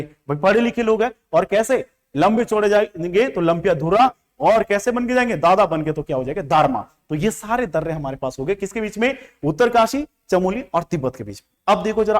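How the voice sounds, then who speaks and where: A male teacher from Uttarakhand, with that region's Hindi accent, teaching exam students through a mnemonic story. He keeps asking questions and answering them himself, repeats key terms, and briefly acts out the characters. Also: high voice. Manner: acts out little story voices. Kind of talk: exam-prep mnemonic lesson.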